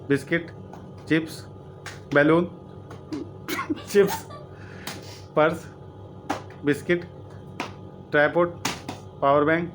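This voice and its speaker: A middle-aged man hosts a family vlog with a playful, teasing emcee manner. His voice sits high for a man. Music runs clearly in the background. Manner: joking, playful emcee calling out words. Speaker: vlog host.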